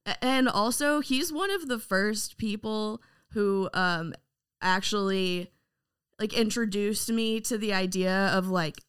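A woman's voice: mid-range voice, slow, a bit bright, clean tone. A woman co-hosting a podcast in casual chat, giggly and rambling, swearing freely. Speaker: podcast co-host.

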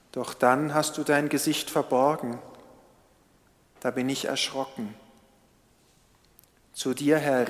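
Slow, solemn pastor in a reverberant church. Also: male voice, fairly high pitch. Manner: calm, measured, solemn delivery. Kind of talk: slow liturgical prayer and scripture reading.

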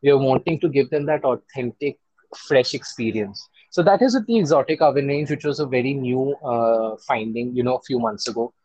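A man's voice: mid-range voice, fairly quick, darkish tone, no echo, highs cut off. A man with an Indian accent speaking as an interview guest, chatting casually and telling stories about running his own business. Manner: chatty, switches between English and Hindi.

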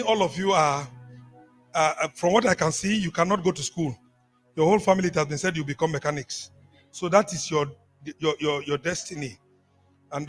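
A man preaching a sermon, calling out to the congregation and repeating phrases, swinging from hushed asides to shouts. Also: sits high. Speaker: apostle preaching.

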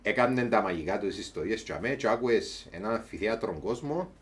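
A man's voice: on the low side, animated. A man with a Cypriot Greek accent hosting a casual, comedic talk show, chatting colloquially and swearing freely.

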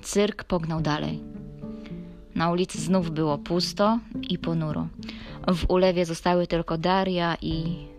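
A woman narrating a children's storybook in a measured, expressive reading. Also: on the low side, over music.

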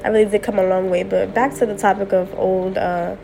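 A young woman hosts her own podcast late at night, venting candidly and repeating herself as she recovers from a cold. Her mid-range voice is gravelly and flat, and she talks fairly quickly. Background noise is present.

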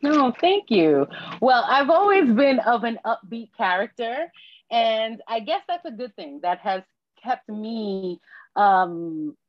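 A woman's voice: on the high side, lively intonation, dry recording, muffled recording. Candid woman telling her story, dry sound. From Haiti. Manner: reflective, candid, halting with restarts. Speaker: podcast guest. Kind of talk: personal storytelling interview. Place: New York.

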